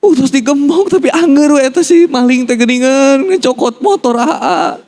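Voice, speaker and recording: A woman's voice: high voice, moderate pace, warm tone, pitched above the performer's own voice, lightly acted. A man putting on a fretful older Sundanese mother. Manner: fretful, nagging questions. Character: older mother, worried and scolding.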